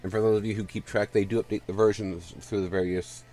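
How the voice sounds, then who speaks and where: A man's voice: on the low side, level tone, fast talker, a little mellow, slight background noise. A congested, winded man chatting casually as he streams a video game, rambling along. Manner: rambling, chatty, with fillers and restarts. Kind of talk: casual let's-play commentary.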